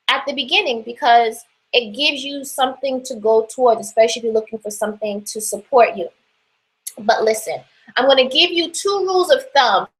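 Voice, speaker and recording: A woman's voice: a little high, a bit bright, poor audio. A young woman with a New York accent giving casual personal finance advice, chatty with lots of fillers and restarts.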